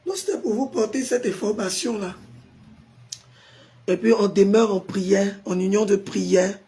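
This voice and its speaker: A pastor hosting a live stream, hoarse from a sore throat and forcing his voice out as he chats with viewers and answers their comments. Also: high-pitched, unhurried, dark tone. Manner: chatty, greets viewers by name and answers comments.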